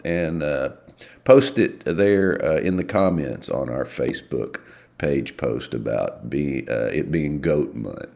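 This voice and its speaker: Deep gravelly voiced guy from doing local radio news, folksy, kinda halting. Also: a little mellow. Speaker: local radio show host. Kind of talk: casual local news and announcements.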